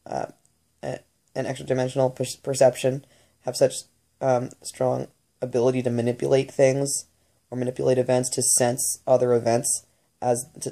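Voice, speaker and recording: A woman in an unscripted spoken monologue, recounting messages she says she receives, halting often with fillers and restarts. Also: a bass voice, warm tone. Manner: muses aloud, working through ideas as she speaks. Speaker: channeler recounting spirit messages.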